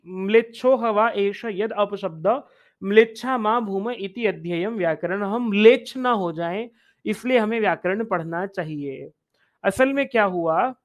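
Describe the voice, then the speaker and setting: A man teaching Sanskrit in an online exam-prep lecture. He explains step by step, repeats phrases and chants Sanskrit verses. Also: high-pitched.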